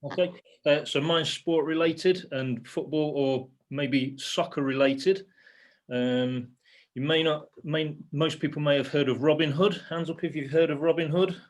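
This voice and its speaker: A man's voice: a little high, steady tone, unhurried. A man from Nottingham with an English East Midlands accent, telling an easygoing story on a video call. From Nottingham, England. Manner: easygoing storyteller, playful with the group. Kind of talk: casual video call chat.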